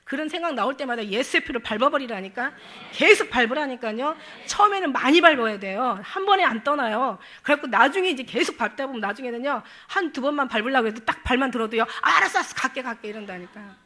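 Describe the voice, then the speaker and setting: Fervent high-voiced woman pastor preaching. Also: lively intonation, quick pace. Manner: fervent, emphatic preaching with sudden loud outbursts and mocking quoted voices; laughs often while preaching. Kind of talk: sermon.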